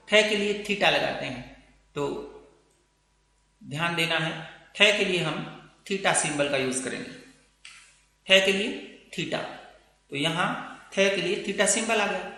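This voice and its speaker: A man teaching phonetics, his voice high and bright as he walks through each sound step by step. He keeps checking that his students follow him. The room is echoey, with a long reverb trailing every word. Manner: explains step by step with frequent checks like "theek hai na". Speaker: English teacher. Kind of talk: phonetics lesson.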